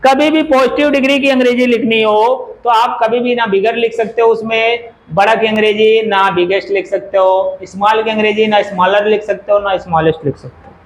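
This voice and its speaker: The recording is rough. A man with a high, steady voice lectures on grammar at normal speed with few pauses, repeatedly firing questions at students and drilling words through repetition.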